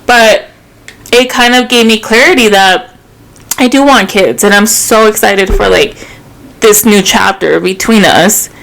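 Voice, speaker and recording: A woman in her thirties co-hosting a casual podcast. She tells a personal story in candid, chatty fashion, swearing freely. Her voice sits at a middle pitch. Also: unhurried, gravelly, a bit bright, poor audio. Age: 30s. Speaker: podcast co-host. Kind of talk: casual chat.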